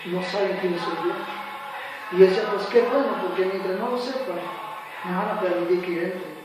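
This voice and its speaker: A man with a high voice and fairly even intonation speaks at a moderate pace, giving a dramatic and earnest spoken testimony at church. He acts out the voices in his account. The recording is very echoey, captured far from the mic, with faint music.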